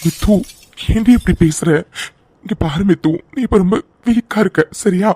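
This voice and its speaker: A man voicing a caring young husband in a cartoon, gently pleading with his wife to stop crying. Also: high-pitched, moderate pace, slightly rough, dry recording. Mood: soothing. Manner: soothing, pleading. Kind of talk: cartoon voice acting.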